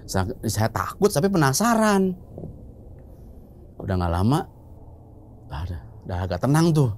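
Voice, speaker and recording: A man telling a ghost story in a chatty, excitable way, full of little fillers. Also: mid-range voice, unhurried, slight background noise. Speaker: guest storyteller. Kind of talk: casual spoken ghost story.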